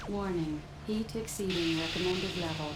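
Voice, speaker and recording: A woman voicing a calm onboard mech computer that gives flat, clipped overheating warnings in a video game. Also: fairly low pitch, moderate pace, close to an everyday voice. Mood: flat alert. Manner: flat, clipped machine announcements.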